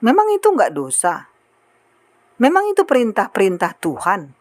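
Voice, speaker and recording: A woman preaching a sermon in an animated way, acting out the prayers and remarks she quotes. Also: a little high, normal speed, no room sound.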